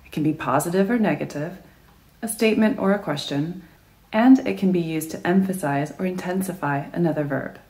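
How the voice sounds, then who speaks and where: A woman narrating a scripted English grammar lesson in a clear, even explanatory way. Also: fairly low pitch. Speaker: English teacher.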